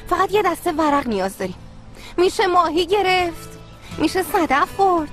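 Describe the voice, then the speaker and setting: A very high-voiced teasing young employee, light music under. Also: female voice. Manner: teasing, lively. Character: cheeky, playful young female employee. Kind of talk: dubbed TV drama acting.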